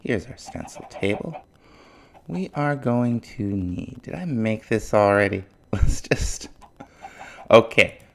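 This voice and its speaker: A man casually narrating his modded game as a let's play host, thinking aloud in a relaxed, mumbling way, with faint music behind. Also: on the low side, slow pace. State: morning voice. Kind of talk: casual gameplay commentary.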